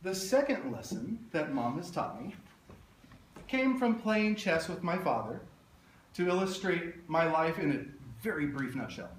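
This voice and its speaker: Recorded in a roomy space from a distance, a man with a fairly high voice delivers a funeral eulogy. He speaks tenderly and haltingly, in measured phrases with pauses. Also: very animated. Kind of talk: funeral eulogy, public speech. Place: echoey room, speaking to a gathering. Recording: roomy echo, distant mic, faint noise.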